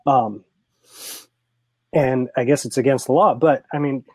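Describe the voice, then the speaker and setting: A man's voice: mid-range voice, measured pace, warm tone, no room sound. Easygoing man, dry close sound. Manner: easygoing, hesitant with uh and um. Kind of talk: casual chat.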